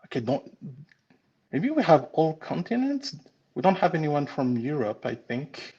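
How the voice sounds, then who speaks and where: A man's voice: on the high side, sing-song, measured pace, breathy edge, highs cut off. A man in his forties from France with a French accent, hosting a casual live webinar on pastry-making and often restarting his sentences. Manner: chatty, warm-hearted, with frequent restarts and "um"s. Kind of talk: casual live-stream teaching. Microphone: computer mic on a live stream.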